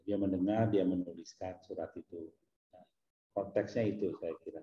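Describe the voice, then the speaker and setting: A man, a priest, explaining things in an easygoing, teacherly way during a relaxed talk. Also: deep voice, normal speed, reverberant, lo-fi sound.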